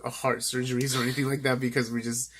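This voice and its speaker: Talking fast in a level, medium-pitched voice, a young man with a Southern California accent records a casual vlog voice-over while nasal from a cold. He rambles, corrects himself frequently, and leans on fillers, with a little hiss or hum in the recording.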